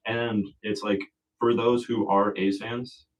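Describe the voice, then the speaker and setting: A man co-hosts a casual sports chat in a relaxed, blunt and plain-spoken way. His voice sits on the low side. He sounds a little distant from the microphone. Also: takes it slowly. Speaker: sports show co-host.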